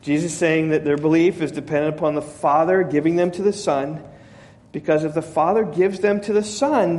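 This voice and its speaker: A male pastor giving a sermon, conversational, often restarting words and rising in pitch when he quotes. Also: in a large hall. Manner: conversational preaching with frequent restarts, rising emphasis when quoting.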